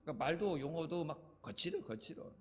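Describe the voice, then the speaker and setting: An older male pastor delivers a sermon in a chatty, storytelling way and chuckles at his own anecdotes. His voice sits high for a man. The sanctuary's long reverb trails after every phrase. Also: expressive, brisk. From Chungcheong, Korea. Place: church sanctuary. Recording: echoey church hall reverb.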